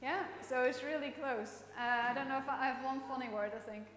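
A woman's voice: sits high, fairly quick, heavy background noise. Dutch-accented woman in an echoey church. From Netherlands. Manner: playful, chatty, laughs often, quizzes the audience. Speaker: church leader giving an all-age talk. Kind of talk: lively all-age church talk with the congregation. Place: church sanctuary. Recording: echoey church with long reverb.

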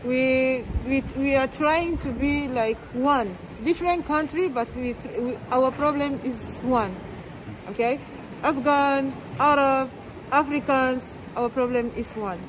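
A woman's voice: high voice, slow pace, background noise. A woman living in a camp, speaking earnestly in simple, repetitive English in a documentary interview by the sea. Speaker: camp resident. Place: outdoors by the sea.

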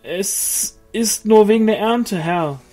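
Man doing a high, timid peasant farmer. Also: darkish tone, soft background music. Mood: intimidated. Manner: halting, shy, eager.

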